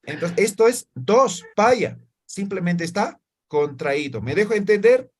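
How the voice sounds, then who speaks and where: A man's voice: high voice, very animated, measured pace. A man teaching a language class, explaining step by step and checking often that students follow. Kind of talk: classroom lesson.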